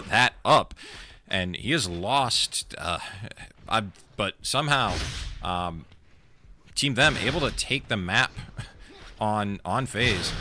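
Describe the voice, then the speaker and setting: Man casting a live game, noisy stream. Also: fairly low pitch. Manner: laid-back and rambling between rounds, louder and quicker during action. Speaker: esports caster. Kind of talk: live play-by-play commentary.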